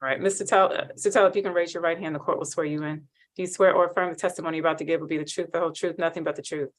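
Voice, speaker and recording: This courtroom recording catches a low-pitched female judge rushing through a hearing. In a steady, businesslike and formal voice, she runs through the set procedure mechanically.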